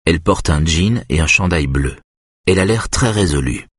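A man reading a thriller audiobook in a measured, steady present-tense narration. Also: low-pitched, breathy edge, no echo, studio quality.

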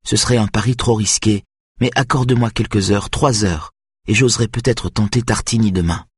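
Guy doing a nervous young violinist girl, pitched up, a bit husky, dry sound. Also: no room sound. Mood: anxious. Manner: higher, tense, quick-tempered. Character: young woman violinist, anxious and driven.

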